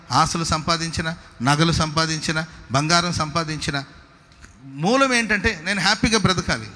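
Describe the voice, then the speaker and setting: A man preaching a sermon as pastor, emphatic, swinging between loud exhortation and soft asides. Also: sits high. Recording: long hall reverb.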